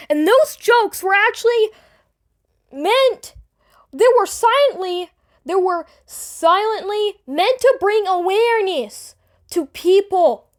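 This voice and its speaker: A woman giving an unscripted, defensive personal explanation to an online audience, rambling and halting with repeated words and casual swearing. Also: extremely high pitch. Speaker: online creator addressing the audience. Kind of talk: unscripted personal apology and self-defence video.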